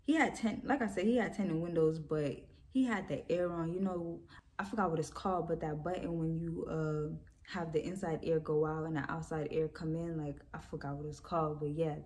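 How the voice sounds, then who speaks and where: A woman's voice: low voice, fairly even intonation, moderate pace, darkish tone. A young woman casually telling a storytime tale, rambling with lots of fillers and laughing as she goes.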